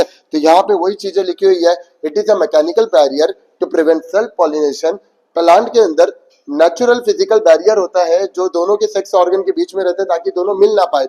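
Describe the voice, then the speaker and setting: A young man teaching a biology lesson for exam prep, mixing in English terms, quizzing his students and reading textbook lines slowly before explaining them quickly. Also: sits high, warm tone, poor audio.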